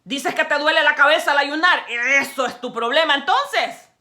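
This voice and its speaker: A woman preacher delivering a sermon. She speaks straight to the listener, exhorting and scolding. She swings from quiet, low stretches to loud, raised passages. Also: moderate pace. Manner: emphatic, exhorting the listener directly.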